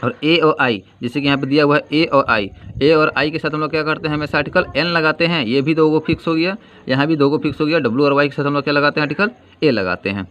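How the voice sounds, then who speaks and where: A male grammar teacher giving a lesson, asking questions and answering them himself and repeating key terms slowly. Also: fairly high pitch, a bit bright. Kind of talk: classroom-style grammar lesson. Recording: dull lo-fi sound with faint noise.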